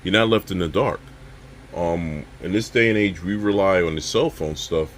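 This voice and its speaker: A low-pitched man acts as a reviewer, casually showing off a product while talking to viewers directly in a halting way. A slight hiss or hum sits under the recording.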